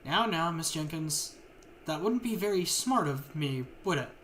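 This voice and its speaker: Guy putting on a cold mad-scientist lady, slow n condescending, a bit of hiss behind. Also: fairly high pitch. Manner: calm, condescending, slow and deliberate. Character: cold scheming woman scientist experimenting on people.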